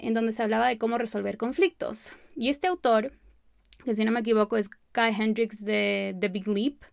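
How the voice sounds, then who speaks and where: A young woman hosts a solo podcast in a fairly high voice with a gravelly edge of fry. She talks quickly, sometimes stumbles over her words and drops small laughs between thoughts. The sound is dry and close, with almost no room. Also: no echo. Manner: fast-talking, sometimes trips over words; light laughs between phrases. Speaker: podcast host.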